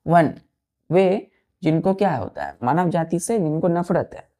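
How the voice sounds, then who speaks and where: Woman teacher, low voice, slow, mellow tone, spells words letter by letter, keeps checking students follow. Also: lively intonation. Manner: repeats words and spells them letter by letter, checks understanding often. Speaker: English teacher. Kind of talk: slow classroom vocabulary lesson.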